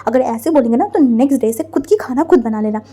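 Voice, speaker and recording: Indignant middle-aged mother read by a woman, scolding, quick and loud, higher than usual, mellow tone. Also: animated, slightly rough. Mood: offended. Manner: scolding, quick to take offence.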